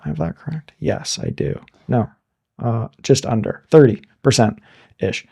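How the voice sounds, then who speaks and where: A man in his thirties with a mellow, warm voice, chatting as a podcast co-host. He talks frankly and a little crudely, jokes, and restarts his sentences as he thinks aloud. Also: medium pitch, animated, unhurried, creaky, husky. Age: 30s. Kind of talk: casual chat.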